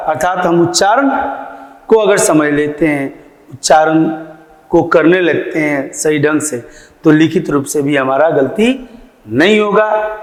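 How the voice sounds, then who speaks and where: A man teaching Hindi grammar, repeating each word slowly to show its correct pronunciation. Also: a little high. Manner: slow, deliberate, repeats words to correct pronunciation. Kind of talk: classroom lecture. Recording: echoey, roomy with long reverb.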